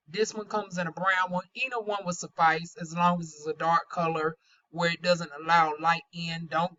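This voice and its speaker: A woman's voice: fairly low pitch, pushed and bright. A woman with a Southern US accent and trouble pronouncing her Rs gives a casual, folksy product review, chatty and candid with playful slang. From North Carolina, US South. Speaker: beauty vlogger, aesthetician. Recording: dull, lo-fi sound.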